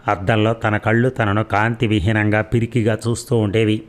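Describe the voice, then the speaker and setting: A man with a fairly low voice reads a story aloud. His delivery is measured and reflective, and he slows down to let important phrases land. It is the steady pacing of an audiobook narrator. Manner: measured, reflective reading that lingers on key phrases.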